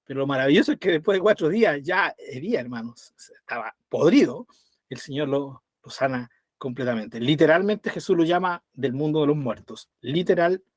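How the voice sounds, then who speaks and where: A man leading a conversational Bible study, animated, retelling scenes and checking in with his listeners as he goes. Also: a little high, a little fast, no room sound, clean studio sound.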